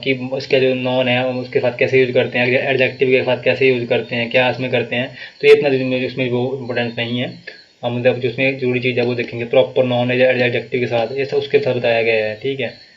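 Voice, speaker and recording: A man with a Himachali Hindi accent teaching a live online grammar class for exam prep, explaining slowly and repeating himself with many fillers. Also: mid-range voice, level tone, dull audio.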